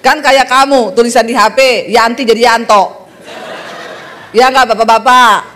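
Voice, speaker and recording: A middle-aged woman from Sulawesi preaching a humorous sermon, telling lively stories and laughing often. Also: on the high side, unhurried, a little hiss or hum. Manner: lively joking storyteller who laughs often.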